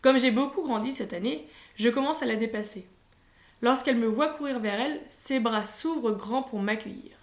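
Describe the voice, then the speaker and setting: A woman reading a children's story aloud in a lively, expressive way. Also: fairly high pitch, normal speed. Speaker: audiobook reader. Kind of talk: scripted storybook narration. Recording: roomy echo.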